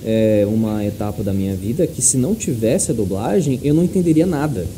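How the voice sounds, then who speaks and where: A podcast co-host with a Brazilian accent chats casually, offering emphatic opinions in a lowish, expressive voice at a slightly fast pace. The recording has clear background noise and room ambience.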